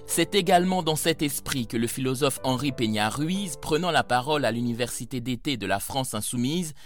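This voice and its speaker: A male narrator delivers scripted documentary narration in a medium-pitched voice. Soft music plays faintly underneath. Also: animated, fairly quick.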